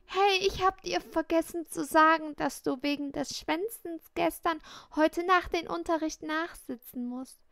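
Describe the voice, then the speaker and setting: A woman's voice: very high-pitched, a little slow, gravelly, a bit bright, dry recording, clean studio sound, pitched above the performer's own voice, full character voice. A woman voicing an apologetic teenage schoolgirl in an audiobook reading.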